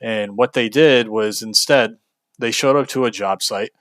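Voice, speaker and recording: A man's voice: fairly low pitch, measured pace, fairly bright tone, dry recording. A young man from Kentucky telling a frank, casual story about a bad job, venting with fillers and the odd curse. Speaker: video host.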